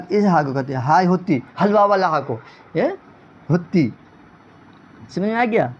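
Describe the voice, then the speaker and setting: A male teacher giving an online grammar lesson, repeating each point and often checking whether students understood. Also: high-pitched. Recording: dull lo-fi recording.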